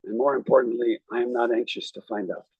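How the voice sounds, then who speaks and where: A man speaking as a rabbi at a graveside, giving a eulogy in a measured, reflective way with deliberate pauses. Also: mid-range voice, steady tone, breathy edge, no echo, highs cut off. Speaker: rabbi officiating at a funeral.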